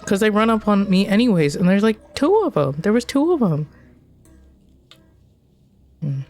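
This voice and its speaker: A woman's voice: mid-range voice, lively intonation, normal speed, a little mellow, soft background music. A woman streaming a game, talking to herself anxiously and repeating her questions as she plays. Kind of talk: live gameplay commentary.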